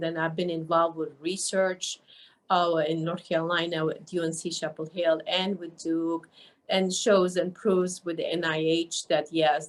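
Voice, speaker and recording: An older woman from Egypt, talking as a guest on an interview podcast in a chatty way, full of fillers and restarts. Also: low-pitched. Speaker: guest, nurse and wellness coach. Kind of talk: casual interview talk.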